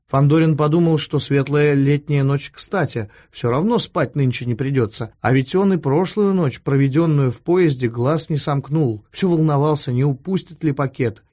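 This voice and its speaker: A man reading a novel aloud as an audiobook narrator, in a measured, expressive way. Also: medium pitch. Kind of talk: scripted literary narration.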